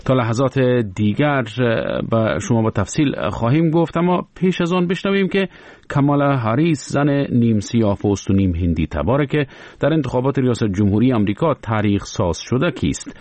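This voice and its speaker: Formal news anchor. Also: male voice, mid-range voice, sing-song, darkish tone, no echo. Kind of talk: news report.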